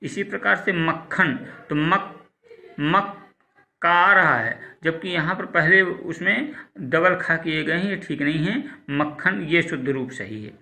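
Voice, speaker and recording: A male school teacher gives a recorded class lesson with a very bright, ringing voice pitched a little high. He speaks slowly and deliberately, repeating words and setting wrong forms against correct ones.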